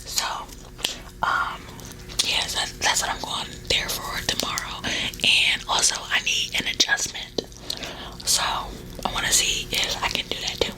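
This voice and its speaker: A woman's voice: a little slow, rough recording. A woman whispering a casual, confiding ASMR storytime in an informal, chatty way while chewing gum. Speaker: ASMR video creator.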